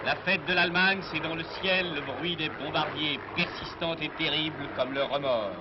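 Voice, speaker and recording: A man's voice: fairly high pitch, steady tone, moderate pace, very noisy. A man narrating an old 1940s newsreel from a script in a solemn, declamatory, rhetorical manner. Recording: dull 1940s newsreel soundtrack, loud music. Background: loud music.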